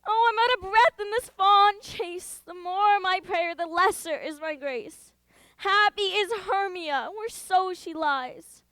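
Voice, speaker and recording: A woman's voice: very high voice, slow pace, pushed and bright, dry recording, heavily acted. Helena, lovelorn and indignant, played by a woman. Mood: pleading. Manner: pleading, rising to indignant outbursts. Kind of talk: school stage play.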